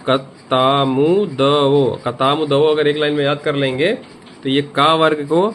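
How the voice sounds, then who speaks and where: A man's voice: a little high, level tone, normal speed, fairly bright tone, a little hiss or hum. A man teaching a grammar lesson, repeating each point and asking the viewer questions. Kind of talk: grammar lesson explaining a memory trick.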